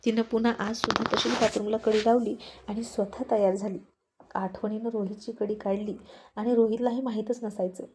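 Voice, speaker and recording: A woman storyteller narrating a serialized audio story in a lively way. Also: mid-range voice, moderate pace, a little hiss or hum.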